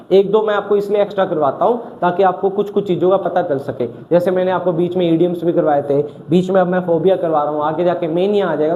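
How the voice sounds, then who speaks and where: A man's voice: high-pitched, a little mellow. A male teacher giving a vocabulary lesson to exam students, asking questions and then answering them himself. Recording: dull lo-fi sound with faint noise.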